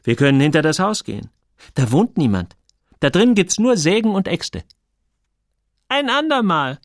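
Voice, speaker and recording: Teen girl voice done by a guy, high and pleading, gravelly edge, dry close sound. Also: very animated, normal speed, dry recording. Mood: coy. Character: teenage girl, tearful and defiant.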